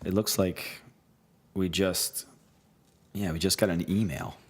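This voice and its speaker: A man's voice: low-pitched, steady tone, slightly rough. A young man with a Philadelphia accent co-hosting a sports podcast, chatting casually and restarting his sentences. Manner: halting, restarts often, reads aloud. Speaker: podcast co-host. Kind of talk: casual chat.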